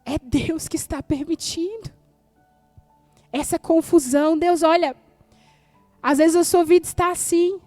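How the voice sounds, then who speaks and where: Woman pastor, Brazilian accent, high warm voice, emphatic repetitive sermon delivery. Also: fairly even intonation, a little slow, pauses often, dry recording, soft background music. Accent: Brazilian Portuguese. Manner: emphatic, repeats key phrases for effect.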